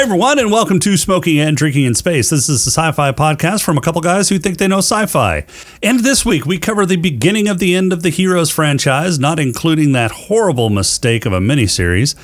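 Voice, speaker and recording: A man hosting a sci-fi podcast, bantering casually with a sarcastic, exasperated manner and the odd swear word. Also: fairly high pitch. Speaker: podcast host.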